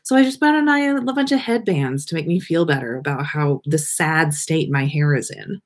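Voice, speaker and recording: Speaking at a normal pace in a low, expressive voice, a woman hosts a casual podcast livestream through her webcam. She rambles playfully and thinks out loud while chatting with her viewers.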